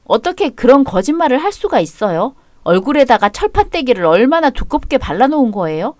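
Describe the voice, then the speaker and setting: A woman's voice: sits high, sing-song, a little fast, darkish tone, no room sound, studio quality. A woman voicing a young married woman who talks in a cool, cutting and firm way. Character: sharp-tongued young married woman, daughter.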